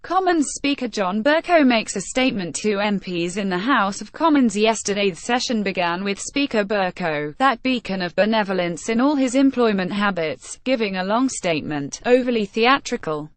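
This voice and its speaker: Woman, mid-pitched, steady reader for a news sketch, very dry sound. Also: moderate pace, hardly any pauses, dry recording. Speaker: article reader. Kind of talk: read-aloud news column.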